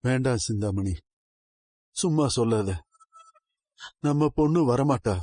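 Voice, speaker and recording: A man's voice: mid-range voice, a little slow, warm tone, no room sound, lightly acted. A middle-aged actor playing an ailing, loving father who longs for his daughter in a TV serial. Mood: emotional. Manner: weak, emotional. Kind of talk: TV serial acting.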